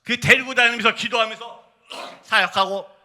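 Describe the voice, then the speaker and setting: A man's voice: very high voice, steady tone, normal speed, sharp tone. A male missionary preaching a fervent sermon, telling a story and urging the congregation to pray.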